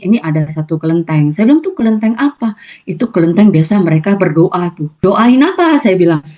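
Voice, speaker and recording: A woman giving a personal testimony on a video call, telling her story in a lively way and acting out her prayers and conversations. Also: on the low side. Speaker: testimony speaker.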